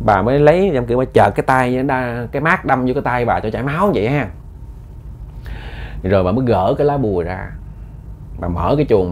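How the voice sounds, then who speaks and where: A man's voice: fairly low pitch, a little mellow, a little hiss or hum. A man telling a ghost story in a folksy, repetitive way, often addressing his listeners.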